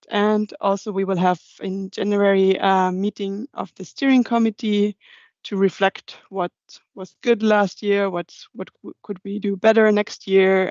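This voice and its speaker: A woman's voice: medium pitch, a little mellow, no room sound. Young woman presenting, slightly muffled audio. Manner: halting, non-native English phrasing. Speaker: presenter for a young engineers' group. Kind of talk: informal slide presentation. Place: online video meeting. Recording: dull, muffled online call audio.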